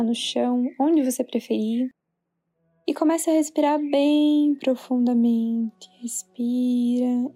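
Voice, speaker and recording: A Brazilian woman guiding a sleep meditation in a soothing, hushed, spa-like manner. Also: on the high side. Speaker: meditation guide. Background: soft background music.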